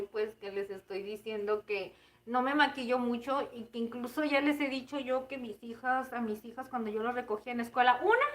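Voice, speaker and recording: A woman's voice: fairly high pitch, a bit bright. Chatty giggly Mexican woman in her thirties. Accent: Mexican Spanish. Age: 30s. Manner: chatty and giggly, often calling viewers "chicos". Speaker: cooking livestream host. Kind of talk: casual live chat with viewers.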